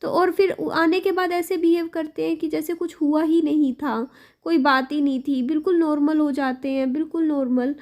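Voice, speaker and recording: A woman's voice: sits high, fairly even intonation, moderate pace, darkish tone. A young woman, vlogging at home in her kitchen and venting her worries to viewers. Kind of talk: confessional vlog while cooking. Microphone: camera set up nearby.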